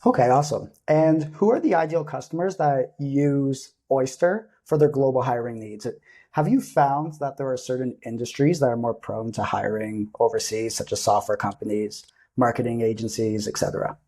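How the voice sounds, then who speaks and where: Male podcast host, mellow and slightly husky, upbeat and chatty. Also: medium pitch, moderate pace. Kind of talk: casual interview.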